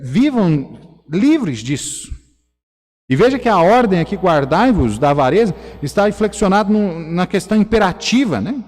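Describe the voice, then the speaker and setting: A man's voice: high-pitched, a little mellow. A pastor delivers an earnest sermon in a somewhat raised voice, dotting his speech with "né." His words ring out with a long reverb, as if in a church hall. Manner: earnest preaching, frequent "né" fillers.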